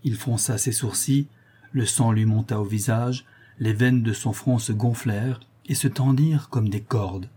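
A man reading a classic novel aloud, with dramatic, measured storytelling. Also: medium pitch, mellow, breathy edge. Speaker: audiobook narrator. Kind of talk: scripted narration of a novel.

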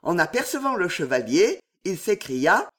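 A reader narrating a historical novel as an audiobook, in a measured, expressive way. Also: medium pitch.

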